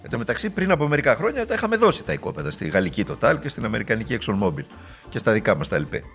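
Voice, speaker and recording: A man's voice: lowish voice, big pitch swings, a bit bright, faint music behind. A man giving a political speech in a sarcastic, rhetorical, mocking manner.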